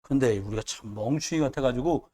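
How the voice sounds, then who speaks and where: A man's voice: mid-range voice, a little fast, dark tone. A man preaching a sermon as pastor, emphatic and repetitive, with joking asides.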